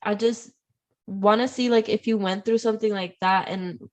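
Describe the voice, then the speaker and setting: A woman's voice: medium pitch, fairly even intonation, moderate pace. A woman from Puerto Rico hosting a podcast, chatting casually and switching between Spanish and English as she goes. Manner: chatty, mixes Spanish and English, laughs often. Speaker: podcast host. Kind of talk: casual conversation.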